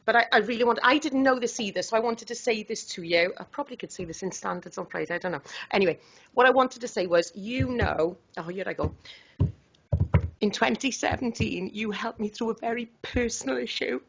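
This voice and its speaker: A woman councillor with a Welsh accent giving an emotional, halting tribute in a council chamber. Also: mid-range voice, lively intonation, a bit bright. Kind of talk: tribute speech at a council meeting. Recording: dull lo-fi chamber mic.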